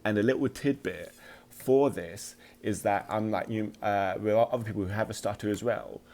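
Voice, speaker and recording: A man hosting a podcast gives an informal motivational talk, stuttering slightly now and then. His delivery is halting and emphatic, with repeated words. His voice is lowish, creaky, and a little mellow.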